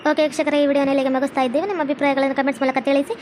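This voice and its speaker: Woman host signing off fast, high voice. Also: little pitch movement, darkish tone, slight background noise. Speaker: channel host. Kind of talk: video outro.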